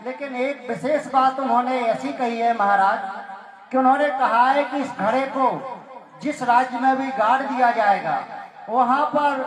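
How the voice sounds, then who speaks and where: An actor playing a loyal minister reporting to his king in a folk stage play, speaking in a loud, projected stage voice over an echoey stage with a crowd behind. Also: extremely high pitch, normal speed. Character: loyal minister to the demon king, adult man.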